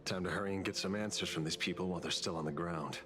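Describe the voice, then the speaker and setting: An actor speaks fast in a low, fairly even voice, lightly acting the part of a stern interrogator in a video game dub. The character is cold and probing, lecturing while he questions people, with game music playing behind him.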